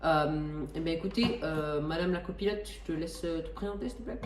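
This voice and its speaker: A woman in her own home explains a flight simulator cockpit in a loose, chatty way, stumbling through restarts and teasing herself as she goes. Her voice sits a little low, and she is recorded from some distance in an echoey room. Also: fairly quick, slight background noise. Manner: chatty, many hesitations and restarts, self-joking. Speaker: flight simulator tutorial host. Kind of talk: casual tutorial explanation.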